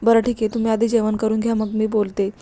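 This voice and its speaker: A woman's voice: a little high, completely flat delivery, quick pace, warm tone, lightly acted. A woman reading a meek apologetic young wife. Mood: coaxing. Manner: apologetic, coaxing.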